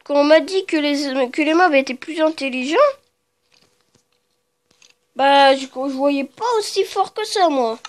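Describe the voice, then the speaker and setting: High-voiced woman narrating a game. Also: measured pace, pauses often. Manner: muttering low, then bursting into startled shrieks and swearing; chatty with viewers, talks to the game creatures. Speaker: let's play gamer. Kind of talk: casual game commentary.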